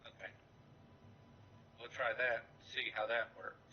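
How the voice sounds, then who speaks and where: A man's voice: medium pitch, steady tone, slow. A man gaming online and chatting casually through a faulty headset mic whose sound fades in and out. He talks in a laid-back, muttering way. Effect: faulty headset mic over voice chat, fading in and out. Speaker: gamer. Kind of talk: casual chat while playing online. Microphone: headset on a flex boom. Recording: dull lo-fi voice chat with faint hiss.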